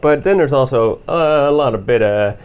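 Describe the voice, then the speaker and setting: A man's voice: mid-range voice, expressive, moderate pace, a little mellow, clean tone, muffled recording. Laid-back rambling man, podcast co-host. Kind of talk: casual film review chat.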